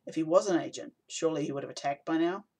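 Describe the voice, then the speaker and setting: A man's voice: on the high side, fast, a little mellow, husky. A man reads as a woman who runs a rebel cell and is worn thin by work. She is curt and weary, firm when pressed. An audiobook part. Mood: brisk. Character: tired brisk woman rebel leader.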